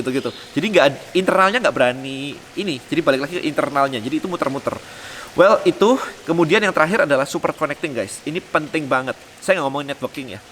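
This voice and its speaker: Fast-talking man in an echoey room. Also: on the high side, slight background noise. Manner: lively, sprinkles English words into talk. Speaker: vlog host and business coach. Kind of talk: casual motivational vlog talk. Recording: roomy long reverb with faint ambience.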